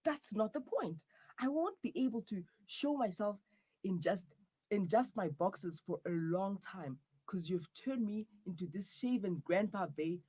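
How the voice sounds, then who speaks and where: A man's voice: sits high, a little slow, warm tone, breathy edge. A man playing a young man trapped in his girlfriend's body, whiny and prone to dramatic outbursts, in a comic audio drama. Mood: outraged.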